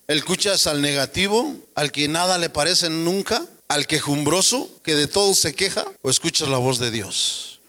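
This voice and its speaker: A man preaching a sermon with passion, firing rhetorical questions and rising to shouts. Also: fairly high pitch. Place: church. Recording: long church hall reverb.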